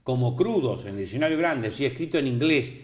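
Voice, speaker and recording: An older man with an Argentine accent explaining language on a TV studio program in a professorial, lively way with playful asides. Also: mid-range voice, fairly quick. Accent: Argentine Spanish. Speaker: guest, academy president. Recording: roomy studio echo.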